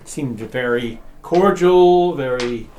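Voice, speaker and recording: A man's voice: medium pitch, lively intonation, darkish tone, slight background noise. A man narrating a tabletop game as game master, hesitant and full of fillers. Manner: unhurried, hesitant, lots of fillers. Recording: echoey room.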